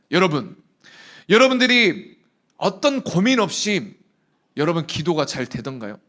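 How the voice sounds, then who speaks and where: A man preaches to young listeners as their pastor, talking to them directly and peppering the sermon with rhetorical questions. His voice sits high for a man. His pitch rises and falls in a lively, animated way.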